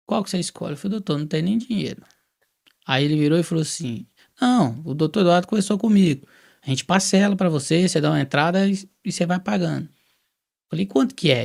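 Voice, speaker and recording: Gravelly Brazilian man telling a story. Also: fairly high pitch. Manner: lively storyteller who acts out quoted dialogue. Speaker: guest telling his testimony. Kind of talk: casual storytelling testimony.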